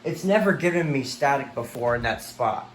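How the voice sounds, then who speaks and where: In an echoey room with faint background noise, a man vlogs an unscripted show-and-tell of his weather radio collection. He rambles and repeats himself, sounding mildly exasperated, with a mid-range voice, lively intonation and normal speed.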